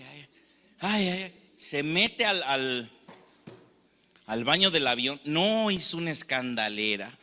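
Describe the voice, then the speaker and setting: Brief: male Mexican preacher, storytelling sermon delivery, fairly high voice, long hall echo. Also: pushed and bright. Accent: Mexican Spanish. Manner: storytelling preacher acting out anecdotes. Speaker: pastor.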